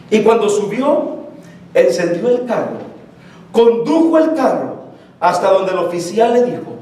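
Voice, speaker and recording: A man's voice: sits high, a little mellow. A man preaching a fervent sermon as pastor and then leading the congregation in prayer. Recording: very echoey church hall, from far off.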